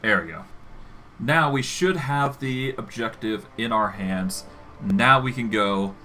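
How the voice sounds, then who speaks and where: A man's voice: medium pitch, slow pace, sharp tone, soft background music. A man streaming a game, casually narrating his own moves as he goes. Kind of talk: casual live gameplay commentary.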